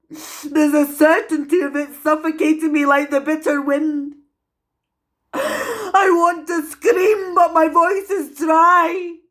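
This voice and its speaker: With a high voice and a Scottish accent, a woman gives an emotional one-woman stage monologue. She portrays a traumatised young woman who grew up in an orphanage and uses deliberate pauses.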